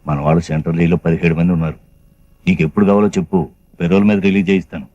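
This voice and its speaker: An actor playing a politician who speaks in an ingratiating, promising way. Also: male voice, sits low, fairly even intonation, very fast, mellow, dry recording, muffled recording, natural voice. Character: smooth-talking male politician making promises. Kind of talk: film dialogue.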